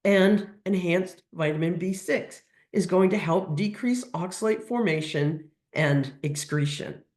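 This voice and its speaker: Slow, roomy-sounding lecturer with a cold. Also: medium pitch, a little mellow. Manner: explanatory, with frequent ums and restarts. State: has a cold. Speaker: veterinary technician presenter. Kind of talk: educational webinar lecture.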